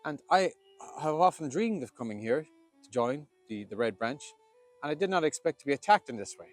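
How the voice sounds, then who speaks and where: A man's voice: a little high, expressive, fairly quick, soft background music, close to an everyday voice. An Irish man voicing a bold, earnest young warrior boy in a told myth. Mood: self-justifying. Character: bold, cheeky six-year-old warrior boy.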